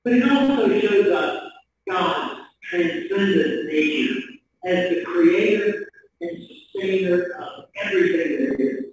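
A middle-aged man, a priest, reading the gospel and preaching in a measured, deliberate way from a lectern in a church sanctuary. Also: sits high, a little hiss or hum. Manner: measured, deliberate delivery from a pulpit. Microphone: stand mic, camera from across the room. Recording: echoey church from far off.

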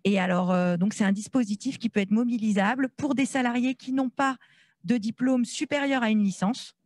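A woman's voice: a little high, moderate pace, darkish tone, no echo. A woman speaking through a face mask into a handheld microphone, giving an informal explanatory presentation with some hesitant rephrasing. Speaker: presenter at a conference. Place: conference room with a small panel on stage. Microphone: handheld microphone held close to the mask.

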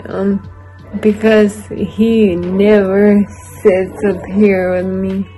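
A woman vlogging casually to camera, talking in halting, rambling bits with many restarts. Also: mid-range voice, little pitch movement, mellow, soft background music, rough recording. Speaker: vlogger documenting her recovery.

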